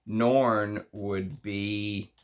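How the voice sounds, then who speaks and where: A man with a Texas accent chatting unscripted through an unboxing, halting and thinking aloud as he reads out names. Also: fairly low pitch, steady tone. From Texas, United States. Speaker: fragrance review show host. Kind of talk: unscripted unboxing chat, reading out names and notes.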